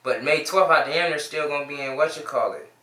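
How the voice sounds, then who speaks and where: A man in his twenties with a Midwestern American accent chats casually with strangers on a video chat app, speaking briskly in a fairly high voice. He's slangy and joking, sometimes singing or shouting, and the audio is poor with a roomy sound.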